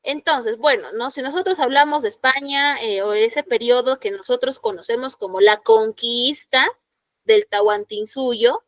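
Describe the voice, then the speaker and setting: A woman teacher with a Peruvian Spanish accent lectures her class patiently, often checking in with students through short tag questions. Her voice is a little high, a bit bright and a little slow, with no echo.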